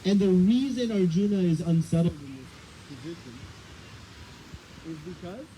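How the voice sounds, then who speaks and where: Outdoors in the wind, a spiritual teacher gives a scripture class through a battery microphone that keeps cutting in and out. His voice is high and moderately paced, speaking conversationally and asking questions, in a rough recording with loud wind and outdoor noise.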